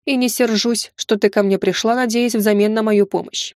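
A woman's voice: mid-range voice, steady tone, moderate pace, dry recording, close to an everyday voice. Patronizing storybook noblewoman, silky and curious, done by a woman narrator, dry close read. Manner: smooth, condescending, softly amused.

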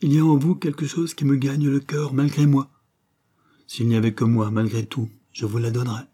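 A man voicing a gentle, tearful elderly noblewoman and grandmother in an audiobook, speaking with soft, earnest pleading. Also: medium pitch, little pitch movement, normal speed, pitched above the performer's own voice, close to an everyday voice.

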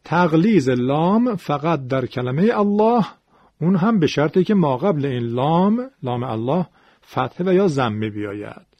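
A man lectures on recitation rules in a measured, explanatory tone, stopping to demonstrate sounds. His voice is husky and sits dry and close to the mic, with a muffled lo-fi sound. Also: fairly high pitch, sing-song, dry recording. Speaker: Quran recitation teacher.

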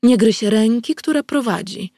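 A woman's voice: mid-range voice, expressive, moderate pace, gravelly, mellow, dry recording. A woman voicing a sardonic vampire man. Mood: dry. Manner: dry, curt remarks. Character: dry, sardonic male vampire, practical and aloof.

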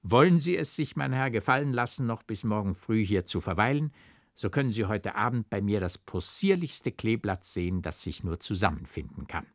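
A man with a low voice reads an old literary tale, shaping each sentence with careful stress and rhythm. The sound is close and dry, with no room around it. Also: moderate pace, no echo. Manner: expressive, rhythmic storytelling. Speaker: audiobook reader. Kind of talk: literary audiobook reading.

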